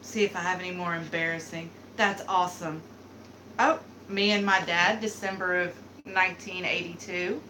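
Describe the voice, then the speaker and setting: A light Southern accent marks this thirties-aged woman from the American South as she rambles casually and reads comments during her live beauty stream, using many fillers. Her low-leaning voice is fairly even in intonation, moderately paced, and sharp. Slight background noise comes through the rough recording.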